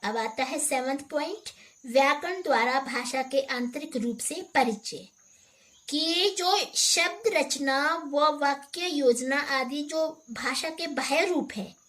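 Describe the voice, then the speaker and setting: Slow, high-pitched woman teaching a lesson. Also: fairly bright tone. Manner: explains point by point with fillers and rhetorical questions. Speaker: teacher educator. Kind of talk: teaching lecture.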